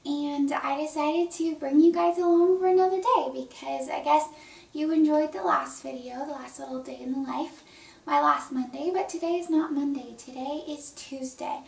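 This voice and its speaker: A woman's voice: sits high, fairly even intonation, moderate pace, creaky, a little mellow. A young woman chatting casually in a morning vlog, her voice still groggy from sleep, laughing lightly between thoughts. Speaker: vlogger.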